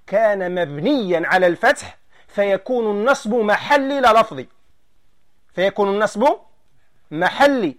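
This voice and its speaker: Man, Moroccan Arabic accent, grammar teacher, high voice, slow explaining, quizzes the class. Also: fairly bright tone. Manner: explains slowly, quizzing students.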